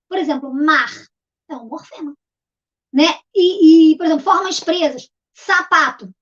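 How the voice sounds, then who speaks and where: A woman's voice: high voice, a bit bright. A middle-aged woman, a literacy teacher giving a patient video lesson and repeating key terms as she explains step by step. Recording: dull lo-fi recording.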